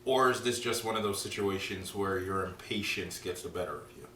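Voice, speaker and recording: A man co-hosting a casual podcast, talking bluntly and with lots of swearing, getting louder as he rants. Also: deep voice, brisk. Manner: blunt, profane, heats up when ranting. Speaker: podcast co-host. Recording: echoey room, mic at a distance, faint hum.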